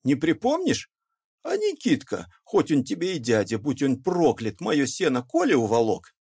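A man reading an audiobook puts on a bitter, bellowing peasant who rants at full volume, his voice pushed up and strained with outrage. The delivery swings widely in pitch as he complains of injustice. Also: sing-song, moderate pace. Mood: aggrieved. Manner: shouting, ranting, bitter. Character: loud aggrieved middle-aged peasant man, indignant.

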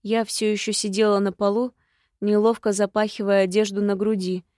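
A woman narrating an audiobook as scripted narration, reading in an even, measured way. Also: medium pitch, dry recording, studio quality.

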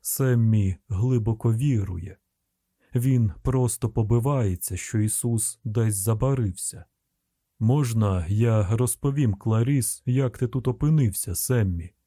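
A man reading the lines of a cold, refined male psychiatrist, slow, measured and condescending. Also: mid-range voice, mellow, no echo, studio quality. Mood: coolly mocking.

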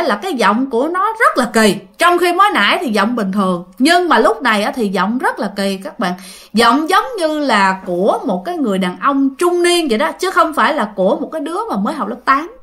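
Chatty woman ghost-story narrator, high, bright voice. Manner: chatty, addresses listeners directly.

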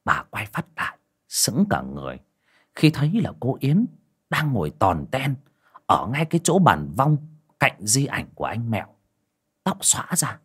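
A man narrating a horror story in a dramatic, expressive way. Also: on the low side, breathy edge.

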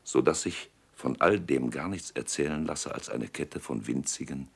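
A man narrating a literary script in a deliberate, evocative manner with dramatic pauses. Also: rumbling low, vocal fry, husky.

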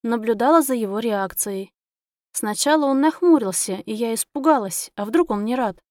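A woman narrating a romantic fantasy audiobook in the first person, expressive and emotional. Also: fairly high pitch, normal speed, dry recording, studio quality.

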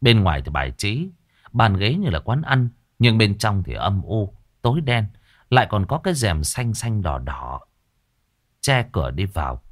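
Man, storyteller, low voice, lively intonation, earthy colloquial narration. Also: normal speed.

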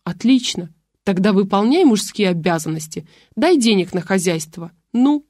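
A woman's voice: medium pitch, animated, normal speed, dry recording, studio quality, close to an everyday voice. A woman voicing a harried young mother who snaps back sharply. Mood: defiant. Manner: sharp, snappy.

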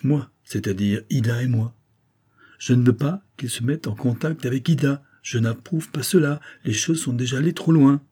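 A man voicing a gruff, impatient older statesman laid up with gout, in an audiobook. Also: medium pitch, normal speed, warm tone, pitched above the performer's own voice, lightly acted. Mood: grumpy. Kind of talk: audiobook character voice.

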